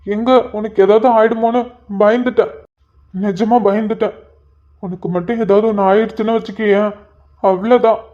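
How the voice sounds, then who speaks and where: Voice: medium pitch, fairly even intonation, moderate pace, pauses often, mellow, dull audio, lightly acted. A young husband in a cartoon, fretful and pleading, who keeps repeating himself. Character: devoted, worried young husband. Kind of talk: cartoon voice acting.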